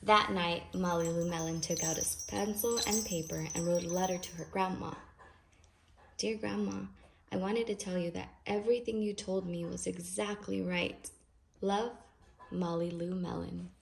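This storybook reader is a woman whose fairly low, creaky voice keeps a steady tone and a moderate pace. She reads a children's picture book expressively, drawing out important phrases with emphasis. It's a noisy home recording marked by clicks.

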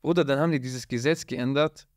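A rapper guesting in a dark, blue-lit studio tells stories briskly and with lots of energy, leaning on street slang and saying "Bruder" nonstop. His mid-pitched voice sounds dry and free of echo, picked up up close by a boom-arm studio mic in this casual interview.

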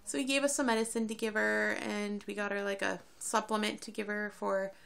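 A woman vlogger chatting casually to camera in a rambling, quick way, full of fillers, as she keeps a daily diet diary. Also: medium pitch, little pitch movement, gravelly, fairly bright tone, clean tone.

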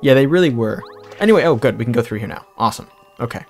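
A man talks through a video game in a relaxed, rambling way, tossing off small jokes between moves. His voice sits at an ordinary middle pitch. Faint game music runs underneath. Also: racing. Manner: rambling, jokey asides. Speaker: let's play commentator. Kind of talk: casual gameplay commentary.

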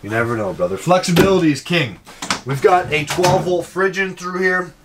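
A man's voice: sits high, expressive, normal speed. Upbeat salesman in noisy camper. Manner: upbeat, jokey salesman patter. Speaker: RV dealership salesman giving a walkthrough. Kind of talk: casual walkthrough tour. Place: inside a small camper trailer.

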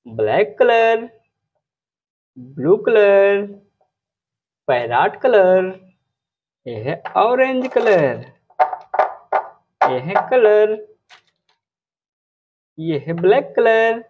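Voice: medium pitch, sing-song, extremely slow, pauses often, phone-quality sound, a little hiss or hum. A voice-over teacher narrating a children's drawing lesson, naming each color and shape one at a time. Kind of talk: slow instructional narration for kids.

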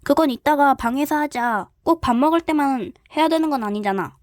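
A woman voicing a timid little female rabbit who ends her lines with a squeak. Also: a little fast, dry recording, close to an everyday voice. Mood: nervous. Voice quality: high, bright childlike voice.

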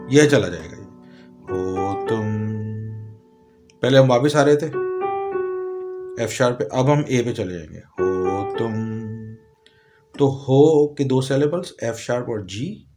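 Calm Pakistani man teaching piano, piano behind. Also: medium pitch. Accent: Pakistani Urdu. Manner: calm, step-by-step explaining, sometimes sings lyric fragments slowly. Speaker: music teacher. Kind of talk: piano lesson walkthrough.

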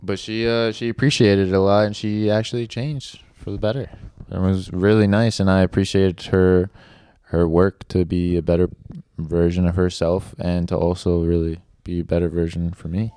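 A young man in his early twenties talks in a casual podcast chat. His voice sits very low and comes out smooth and clear, recorded close and dry. He rambles, padding his thoughts with "like" and "you know.". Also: little pitch movement, moderate pace, hardly any pauses, warm tone, no echo.

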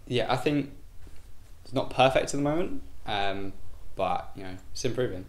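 A man's voice: mid-range voice, expressive, moderate pace, roomy sound, rough recording. A young man answering vox pop questions in a hesitant way, with stammered restarts. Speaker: interviewee. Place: dark indoor room.

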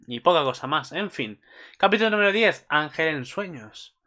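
A young man recapping an anime episode in a gushing, excited way, breaking into high squeals and shouts. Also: unhurried. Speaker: anime commentator.

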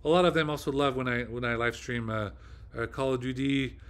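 A man's voice: medium pitch, a little fast, clean tone. Man, video host, casual monologue, rambling, agitated, swearing, lots of fillers.

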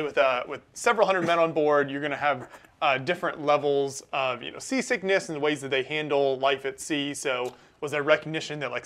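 A man in his thirties hosting a ship tour, asking questions with pauses and searching for words. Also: fairly high pitch, a bit bright. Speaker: host. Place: below deck of a historic wooden ship, indoors.

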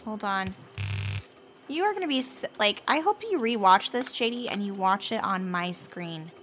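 A woman's voice: medium pitch, lively intonation, fairly bright tone, faint music behind. A woman co-hosting a game session, chatting casually and getting exasperated at lag. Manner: chatty, slow, easily exasperated. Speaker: co-host and player. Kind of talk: casual gaming chat.

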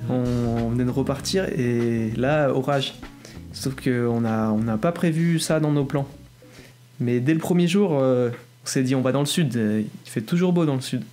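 A young man tells the story of a bike trip in an easy, chatty voice. His pitch sits in the middle range, and he pauses now and then to gather his thoughts. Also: faint music behind. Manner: relaxed, storytelling, with filler pauses. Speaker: cycling vlogger. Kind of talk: casual narration of a bike trip.

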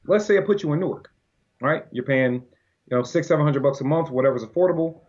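Podcast guest, male, husky, heated and argumentative, lo-fi sound. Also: fairly high pitch, quick pace. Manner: animated, argumentative, often acts out quoted voices. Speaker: podcast guest, gun-rights advocate. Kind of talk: casual podcast conversation. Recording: dull lo-fi audio.

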